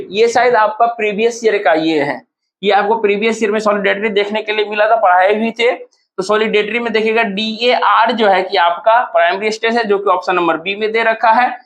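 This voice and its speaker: A man's voice: sits high, fairly bright tone. A male teacher with a Bihar Hindi accent walking students through exam answers in a casual, encouraging way. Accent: Hindi-speaking Bihar. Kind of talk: exam solution walkthrough.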